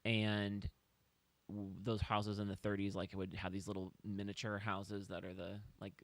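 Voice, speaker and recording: On this casual podcast chat, a Kansas City real estate agent appears as a guest, telling his story wryly with self-deprecating jokes. His voice sits on the low side, monotone, at a moderate pace, and the recording is dry.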